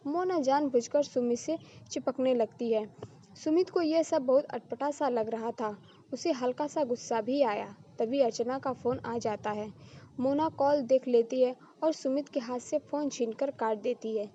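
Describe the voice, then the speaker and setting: A woman narrating a story in a steady, expressive storytelling manner. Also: high-pitched, unhurried. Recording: slightly muffled with faint hiss.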